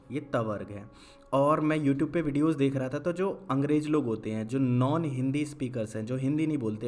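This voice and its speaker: A young man teaching a lesson, spelling words out slowly syllable by syllable and answering his own questions. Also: medium pitch, darkish tone. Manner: asks questions and answers them himself, drawn-out syllable-by-syllable spelling. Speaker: Hindi teacher. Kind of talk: classroom-style lesson.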